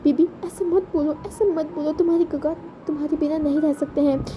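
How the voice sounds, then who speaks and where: A woman putting on an anguished young man, pleading and raising his pitch high with emotion, a soft darker tone, faint background hiss. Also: steady tone, a little fast, lightly acted. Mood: tearful, pleading.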